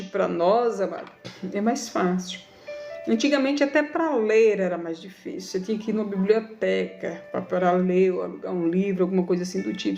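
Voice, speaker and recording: A woman's voice: mid-range voice, dark tone. A woman in her thirties hosting a live stream, talking casually and affectionately to her viewers in a preachy way. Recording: echoey room with faint music.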